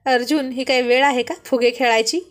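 A timid young man who whines and complains to his friends, as a woman narrator does him. The voice is pitched a little high and sounds put-upon in this told story. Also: fairly even intonation, brisk, natural voice. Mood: joking. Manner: whiny, complaining.

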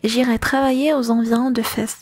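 A grave, devout middle-aged father speaks calmly and steadily in an audiobook, as a high-voiced woman narrator reads his lines. The voice is light and close, in a dry recording. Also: normal speed, no echo, lightly acted. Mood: steady. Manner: calm, steady, consoling. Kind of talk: audiobook reading of a novel.

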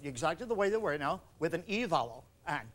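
A man leading a choral workshop, coaching singers with quick commands and questions. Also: fairly high pitch, big pitch swings, a bit bright. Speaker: choral conductor teaching a workshop. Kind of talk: instructional workshop talk.

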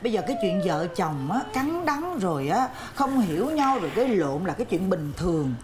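An actress playing an excitable, scolding mother of grown daughters, in a family sitcom. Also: medium pitch, fairly quick, slight background noise, lightly acted. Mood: soothing, lecturing. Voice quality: scolding, exclamatory, laughing through lines. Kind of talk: sitcom acting.

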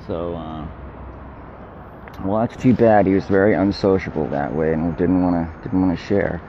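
Grumbling low-voiced man on a muffled phone. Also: normal speed. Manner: grumbling, complaining, repeats himself. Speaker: vlogger. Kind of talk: casual rambling chat to camera. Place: outdoors, car window and laundromat. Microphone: phone held at arm's length. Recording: muffled handheld phone recording with hum.

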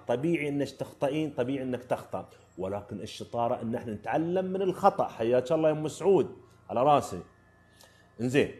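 A man's voice: a little high, warm tone. A man with an Omani Arabic accent, hosting a live stream where he answers viewers' driving questions in a casual, emphatic way and repeats his key phrases. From Oman.

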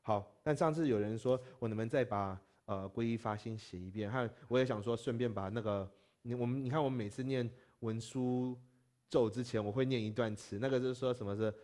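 Male language teacher, mid-pitched, patient classroom delivery, drawn-out spelling, frequent check-ins with students. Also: a little mellow. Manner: spells out syllables slowly, often checks in with the class. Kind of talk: classroom lesson.

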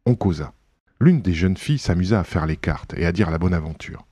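A man reading a classic novel aloud as an audiobook narrator, in a measured storytelling manner. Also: sits low, expressive, dark tone, no echo.

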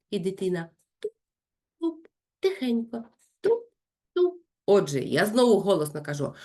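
A woman running a consultation for parents, speaking slowly and clearly and acting out lively sing-song examples. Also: fairly low pitch. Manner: addresses parents directly, gentle and instructive. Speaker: speech therapist consulting parents.

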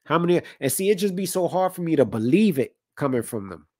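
Warm-toned and animated, a thirtysomething man's high-leaning voice moves quickly as he hosts a boxing livestream from a colored-light home room. He's a bit congested from a cold, offering opinions and reading viewer comments in casual chat. Studio-quality audio, no room sound.

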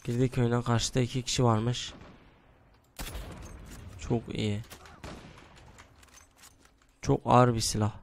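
A young man giving casual commentary while he plays a shooter game, mostly hushed because it is late at night, with sudden excited outbursts and groans. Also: mid-range voice, slow, long pauses, slight background noise. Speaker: gaming YouTuber. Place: room at home at night.

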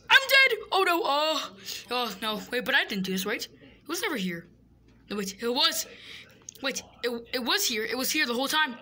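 Someone doing a whiny little boy, squeaky and bright. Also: exaggerated voice. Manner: dramatic, easily panicked, talks to himself.

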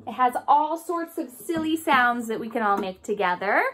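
A woman in her thirties leading a music lesson for young children, speaking in a broad, theatrical singsong with animated questions and encouraging call-and-response. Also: fairly high pitch, normal speed. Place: small home room, indoors. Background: acoustic guitar she plays.

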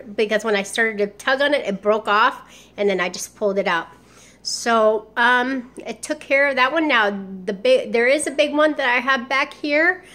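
A woman's voice: on the high side, pushed and bright. Woman vlogger wearing new dentures, rambling. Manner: rambling, many ums and restarts. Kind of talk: casual vlog update. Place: home.

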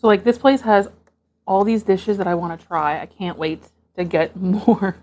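A woman's voice: mid-range voice, fairly even intonation, moderate pace, darkish tone. A woman in her thirties talking casually between bites in an eating vlog, recorded on a lapel mic on her living room sofa. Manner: chatty, eating between remarks. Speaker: mukbang vlogger.

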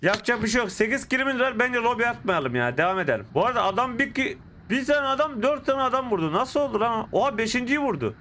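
A man's voice: very high voice, big pitch swings, fast, few pauses, sharp tone, a little hiss or hum. A young man from Turkey commentating a mobile shooter game, talking with a slight lisp from dental braces and exclaiming at the action. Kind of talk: casual gameplay commentary. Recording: gameplay audio and gunfire behind.

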